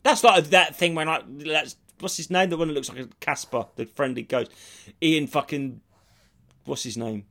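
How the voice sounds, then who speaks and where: A man's voice: fairly high pitch, moderate pace, sharp tone. A British man co-hosting a casual comic podcast, ranting bluntly and swearing freely. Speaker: podcast host.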